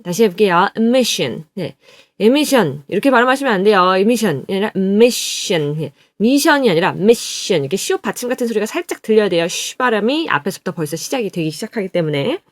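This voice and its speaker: A woman teaching an online English lesson. She says each word slowly and has students repeat it. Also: medium pitch, lively intonation, no echo, clean studio sound. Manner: drills words slowly, repeats them for students to copy.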